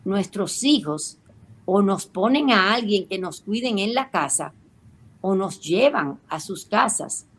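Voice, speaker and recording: Middle-aged woman, radio co-host, unhurried and emotive storyteller who acts out the voices of others. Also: medium pitch, animated, fairly bright tone. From Caribbean.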